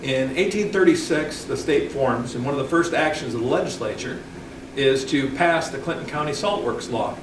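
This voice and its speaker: A man's voice: mid-range voice, moderate pace. A middle-aged man giving an informal local history talk, rambling with many ums and restarts. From Michigan. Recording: echoey hall, distant mic, background noise.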